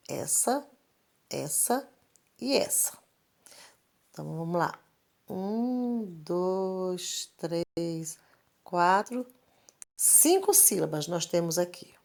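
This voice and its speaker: A woman's voice: on the high side, vocal fry. A woman, teaching a recorded literacy lesson and patiently repeating each point. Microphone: screen recording, device mic.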